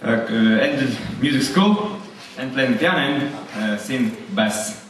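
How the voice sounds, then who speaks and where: A man's voice: medium pitch, expressive, slow, distant mic. Hesitant man in an echoing hall. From Russia. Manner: hesitant, joking, many fillers. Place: large hall at opening ceremony. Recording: echoey hall, crowd behind.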